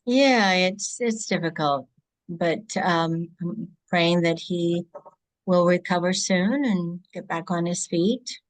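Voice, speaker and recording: A woman born in Greece speaks as an interview guest over a video call. Her voice sits a little low, and she talks in a thoughtful, halting way, often pausing and restarting her sentences. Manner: reflective, halting, with frequent restarts. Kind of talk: casual interview chat.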